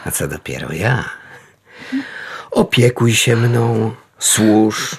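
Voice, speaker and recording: Guy doing a smug old house cat in a radio play, gravelly and a bit husky, slow and drawling, voice swinging all over. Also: lowish voice, animated, full character voice. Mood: grandiose. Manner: lofty, mock-philosophical. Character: old male house cat, vain and lofty.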